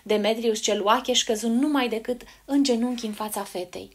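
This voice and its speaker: A woman narrating a fairy tale in an expressive storybook reading. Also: fairly high pitch.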